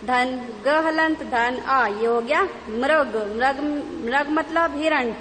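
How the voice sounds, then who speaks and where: Woman teacher, high voice, very slow and deliberate, syllable-by-syllable, reverby room. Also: a bit bright. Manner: slow, spelling words out piece by piece. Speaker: Hindi teacher. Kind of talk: online class lesson for young children. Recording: long reverb, faint background noise.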